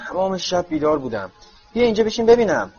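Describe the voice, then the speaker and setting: A man's voice: on the high side, sing-song, fairly bright tone, slightly rough, muffled recording, faint music behind, full character voice. A man doing a sleepy young witch. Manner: yawning, drowsy. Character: young adult woman auror, sleepy and friendly.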